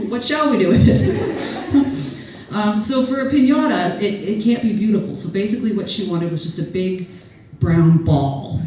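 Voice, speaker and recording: Recorded from a distance in an echoey event venue, a Canadian woman does stand-up, rambling, mocking herself, and laughing at her own jokes while the crowd laughs. Her voice is fairly low and dark in tone, and the audio is dull with a little hiss or hum.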